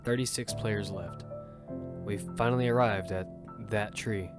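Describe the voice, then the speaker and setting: A man with a fairly low voice narrates at a measured pace, his intonation fairly even and natural. He plays the lead character, a battle-hardened survivor guiding his team, telling the story in grim first person. The mood stays steady, and music plays behind him.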